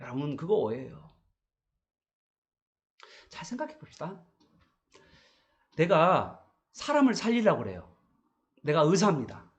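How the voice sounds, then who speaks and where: A man's voice: fairly high pitch, sing-song, a little slow, pauses often. A male pastor giving a morning Bible sermon, asking the congregation rhetorical questions.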